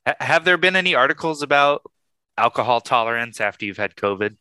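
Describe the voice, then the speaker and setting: Bright-voiced man in dry, casual chat. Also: mid-range voice, expressive, a little fast, smooth, no echo. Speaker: co-host steering a tasting show. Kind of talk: casual chat among friends.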